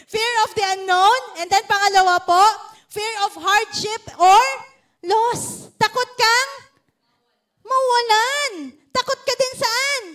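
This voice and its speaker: A woman's voice: extremely high pitch, a bit bright. A woman pastor with a Filipino accent, giving a sermon in a chatty, playful style and teasing the congregation. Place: church service.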